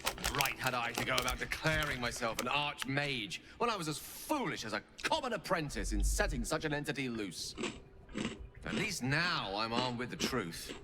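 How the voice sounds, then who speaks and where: A man's voice: mid-range voice, background noise, close to an everyday voice. A man playing an eloquent, earnest wizard in a video game, speaking in formal, theatrical phrases. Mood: self-reproachful, hopeful. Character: eloquent, earnest male wizard, self-reproachful yet hopeful. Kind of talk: scripted video game dialogue.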